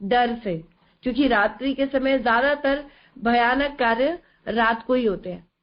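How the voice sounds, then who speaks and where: A woman's voice: fairly high pitch, unhurried. A woman explaining scripture verses in an online class, asking rhetorical questions and checking in with her listeners as she goes. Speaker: devotional scripture teacher. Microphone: video call. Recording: dull lo-fi online call audio.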